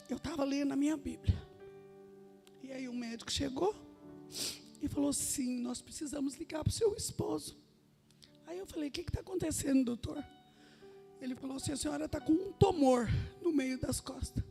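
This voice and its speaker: Woman giving church testimony, high gravelly voice, earnest storyteller. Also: mellow. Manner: earnest storytelling, quoting others in her own voice. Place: church sanctuary.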